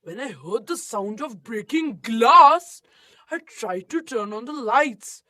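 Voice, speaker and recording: A woman's voice: a little high, expressive, slow pace, pushed and bright, no room sound, exaggerated voice. A shaken night watchman. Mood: shaken recounting. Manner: careful, plain storytelling. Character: shaken male night watchman telling his story.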